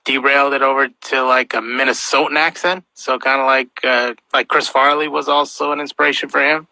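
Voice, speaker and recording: A man's voice: mid-range voice, steady tone, a little fast, creaky, sharp tone, dry recording, poor audio. A man, a guest voice actor, chatting casually on a podcast, rambling with lots of fillers.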